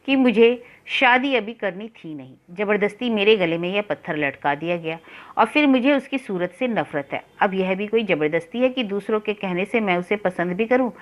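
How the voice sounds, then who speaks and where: A woman's voice: mid-range voice, lively intonation, normal speed, natural voice. A woman voicing an annoyed, stubborn young male student in a novel reading, speaking curtly. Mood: irritated. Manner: curt, annoyed. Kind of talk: reading a Hindi novel aloud.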